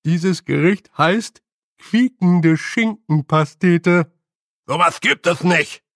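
A man doing loud bickering tiny fairy men. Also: high voice, slow pace, dry recording, clean studio sound, voice pushed up, full character voice. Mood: squabbling. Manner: loud, squabbling.

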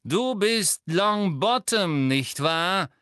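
A man's voice: high-pitched, lively intonation, takes it slowly, a bit bright, clear, resonant tone, dry recording, clean studio sound, pitched above the performer's own voice, heavily acted. A man voicing a sneering aristocratic male wizard villain in an audiobook, drawling and mocking. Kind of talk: audiobook character voice.

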